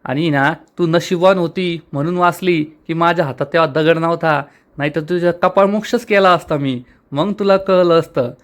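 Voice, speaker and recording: Man reading as sharp-tongued older woman, scornful, quarrelsome, slightly high voice, storybook recap. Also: moderate pace, lightly acted.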